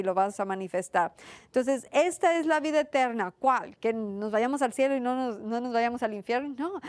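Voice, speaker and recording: A woman's voice: on the high side, smooth, no room sound. A woman preaching a sermon in an earnest, repetitive way, asking questions and answering them herself.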